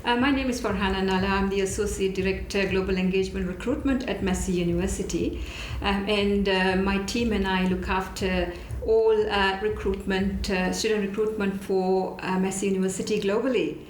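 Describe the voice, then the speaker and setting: A woman's voice: mid-range voice, steady tone, fairly quick, few pauses, echoey room, slight background noise. A middle-aged woman from Sri Lanka, a university recruitment director, talking casually as an interview guest, friendly with many fillers.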